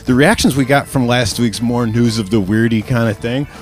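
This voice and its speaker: A man's voice: mid-range voice, normal speed, faint music behind. A man hosting a casual, joking podcast outdoors from a backyard deck. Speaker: podcast host.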